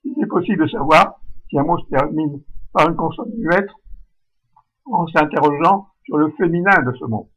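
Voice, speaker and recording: A man giving a recorded spelling lesson, slowly modelling vowel sounds aloud. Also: a little high, a bit bright, slightly rough, rough recording. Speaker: French spelling teacher.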